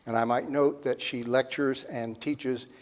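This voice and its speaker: An older man, the moderator of a lecture series, reads a speaker's introduction from a sheet at a podium microphone in a measured way. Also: mid-range voice, steady tone. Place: large hall with seated audience. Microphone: podium mic on a stand. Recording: long reverb in a hall.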